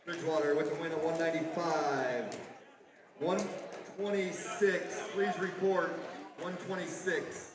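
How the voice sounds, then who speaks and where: High-voiced man over a gym PA. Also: steady tone, a little slow. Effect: over a PA system. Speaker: public address announcer. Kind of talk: gym announcements. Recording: echoey gym PA heard from far off, crowd.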